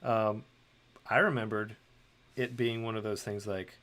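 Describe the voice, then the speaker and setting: A man's voice: on the low side, flat delivery, measured pace, a bit bright. A middle-aged man hosting a livestream, chatting loosely with many ums and restarts while he draws. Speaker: host and illustrator. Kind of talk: livestream chat while drawing.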